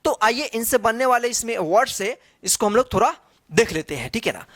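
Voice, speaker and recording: A woman's voice: on the high side, a bit bright, dry recording. A woman teaching a phonics lesson, spelling out letters one by one and then reading the word. She repeats each word and asks rhetorical questions as she goes. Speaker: English teacher.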